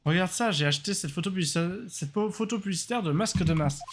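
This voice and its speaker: A man voicing an excitable teenage sidekick girl. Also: high-pitched, fast talker, a little hiss or hum, pitched above the performer's own voice, close to an everyday voice. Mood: excited.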